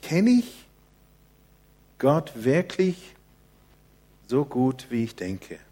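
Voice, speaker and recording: An older man preaching a sermon in a quiet, soft-spoken manner. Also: mid-range voice, big pitch swings, extremely slow.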